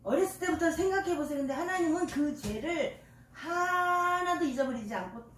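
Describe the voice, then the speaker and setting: A woman's voice: extremely high pitch, lively intonation, normal speed, fairly bright tone, slight background noise. An older woman pastor preaching a sermon, quizzing the congregation with call-and-response questions and homely, folksy examples. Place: church sanctuary. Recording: echoey church from far off.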